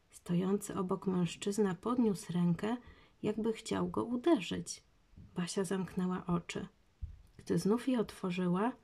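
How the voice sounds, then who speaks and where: A woman narrating a children's audiobook in a calm, measured way. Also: mid-range voice, creaky, slightly rough.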